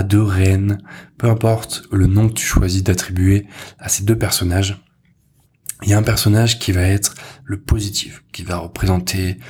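A man's voice: low-pitched, husky. A man hosting his own podcast, talking informally and directly to the listener, with fillers like "euh" and "bah". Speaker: podcast host. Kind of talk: solo podcast talk.

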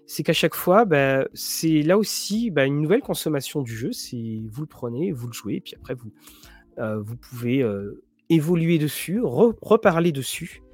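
A man's voice: fairly high pitch, animated, normal speed, dry recording. Man, casual host, rambling with restarts, dry close mic, faint music behind. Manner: rambling, frequent restarts and fillers. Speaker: tabletop RPG and series show host. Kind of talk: casual chat to viewers.

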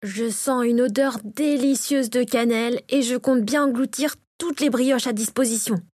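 A playful teenage boy, cheeky and joking with his sister, as a woman narrator puts him on. The voice sits a little higher than her narration and stays close and dry. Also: fairly even intonation, normal speed, a little mellow, no room sound, lightly acted. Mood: teasing. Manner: playful and teasing. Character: lively teenage boy, teasing older brother.

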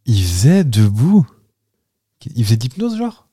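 A man co-hosting a podcast, full of jokes and wild guesses, his pitch leaping around as he talks. The sound is dry and close, with no room in it. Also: sing-song, a little slow, dark tone, breathy edge, no room sound. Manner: playful, jokey, wild guessing. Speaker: podcast co-host. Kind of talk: casual banter.

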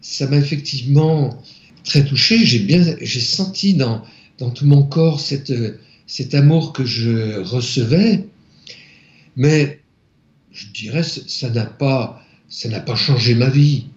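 A man from France, an interview guest, softly recounting a personal spiritual experience, halting and searching for his words. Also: medium pitch. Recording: echoey, slightly dull room recording.

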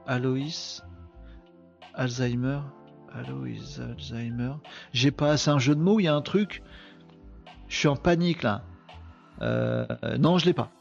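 A man's voice: mid-range voice, gravelly. A man hosting a casual live stream, chatty and self-mocking, answering viewers' comments as he goes. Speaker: live show host. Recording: slightly dull sound with faint music behind.

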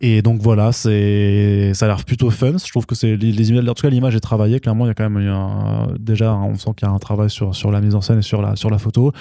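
A man's voice: on the low side, level tone, fast talker, gravelly, hardly any pauses, warm tone, no echo, clean studio sound. Hesitant man chatting about films. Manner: hesitant, many fillers and restarts; enthusiastic. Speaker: podcast co-host. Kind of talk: casual film news chat.

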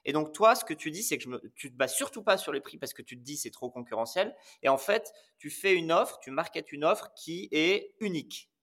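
A man's voice: on the high side, animated, a little fast, few pauses, fairly bright tone. A man hosting a podcast, asking questions and recapping his guest's points in a casual tone. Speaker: podcast host. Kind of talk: casual interview chat.

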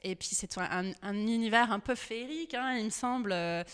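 A woman's voice: on the high side, fairly quick, fairly bright tone, clean tone. A woman editor being interviewed on a podcast, talking hesitantly with many fillers and restarts. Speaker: guest, comics editor.

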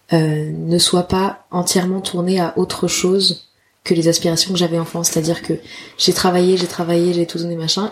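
Female podcaster, 30, slightly low register, informal and self-deprecating, gropes for words. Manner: candid, self-deprecating, slangy. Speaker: podcast host, photographer. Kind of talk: casual solo podcast monologue.

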